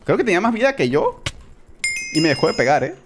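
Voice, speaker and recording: A gaming creator giving excited, profane live commentary, yelping and laughing while talking to viewers as friends. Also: medium pitch, quick pace, music in the background. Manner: excitable, swears, yelps and laughs at the action.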